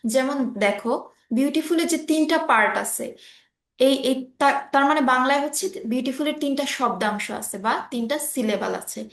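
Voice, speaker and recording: A woman teacher with a high voice walks through an online lesson patiently. She stops often to check that her student is following. The sound has a roomy echo. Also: moderate pace, gravelly, fairly bright tone. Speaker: English teacher. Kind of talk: online class explaining English grammar.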